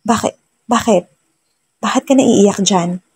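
A woman's voice: medium pitch, takes it slowly, darkish tone, full character voice. A woman voicing an irritable, sleepy young husband in a storybook narration. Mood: worried. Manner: irritated, gruff.

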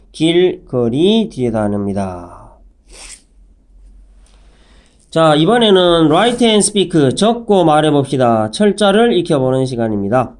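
A man teaching English phonics in a slow, clear vocabulary lesson, spelling words out letter by letter and dropping the odd pun. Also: on the high side, darkish tone.

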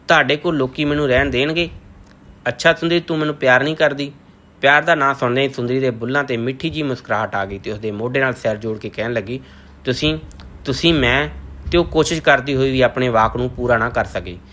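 A man narrating a novel aloud in a measured, literary reading style. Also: mid-range voice, fairly bright tone. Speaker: audiobook narrator.

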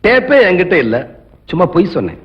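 Righteous young rebel, high animated voice. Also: male voice, fast talker. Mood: taunting triumph. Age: young adult. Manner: firm, moralizing, challenging. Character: defiant, righteous young male champion of the poor. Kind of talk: dramatic Tamil film dialogue. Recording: dull lo-fi film soundtrack.

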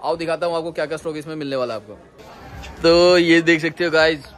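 A man in his thirties from India talks straight to his phone camera while he tours a busy warehouse yard. His voice sits a little high for a man, and his delivery is a quick, friendly sales pitch that keeps calling out to the viewers. It has the loose, on-the-move sound of a handheld selfie video. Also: fairly even intonation, soft background music. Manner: brisk salesman pitch, addresses viewers as guys. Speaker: wholesale electronics seller, vlog host. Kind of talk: casual walk-through sales vlog. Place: large warehouse and loading yard, partly outdoors.

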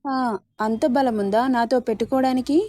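Playful bossy young husband, read by a woman, mellow and close. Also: on the high side, fairly even intonation, moderate pace, no echo, lightly acted. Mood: teasing. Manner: teasing, bossy. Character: young man, teasing, playful, domineering husband.

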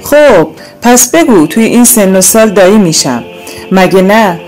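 A woman's voice: medium pitch, expressive, darkish tone, soft background music, natural voice. A woman reading an audiobook, voicing a mischievous teenage younger brother who teases his family. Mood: teasing. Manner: teasing, mischievous.

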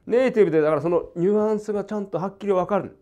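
An older man from Hokkaido with a light Hokkaido accent, teaching jazz guitar in a casual, animated way and acting out rhythms and quoted voices. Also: high voice, rapid-fire. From Hokkaido, Japan. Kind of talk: casual spoken lesson. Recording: dull lo-fi recording.

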